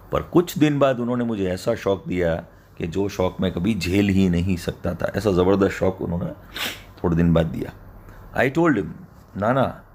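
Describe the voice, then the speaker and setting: A man with a Gujarati accent, teaching as an English teacher, who reads a story slowly line by line and explains each line in lively Hindi. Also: deep voice.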